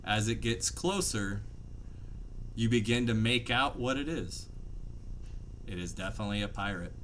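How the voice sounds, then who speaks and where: A man narrating a tabletop fantasy game as game master, telling it dramatically with pauses. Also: fairly low pitch, animated, fairly bright tone. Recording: faint background room noise.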